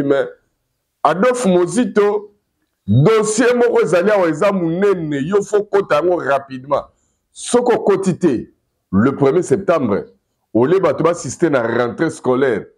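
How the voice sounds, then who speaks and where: A man with a Congolese accent giving animated political news commentary, emphatic and repeating his key phrases for weight. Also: mid-range voice. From Democratic Republic of the Congo. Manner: emphatic, repeats key phrases, mixes two languages freely.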